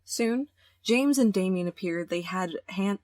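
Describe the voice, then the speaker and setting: A woman's voice: mid-range voice, a little slow, a little mellow, no room sound. A young woman playing a romance game, reading the story aloud and joking in slang. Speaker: let's play host. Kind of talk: game let's play, narration with commentary.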